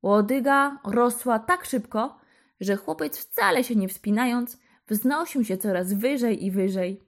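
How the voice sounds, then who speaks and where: A woman reading a fairy tale to children in a gentle, unhurried storytelling manner. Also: on the high side, expressive.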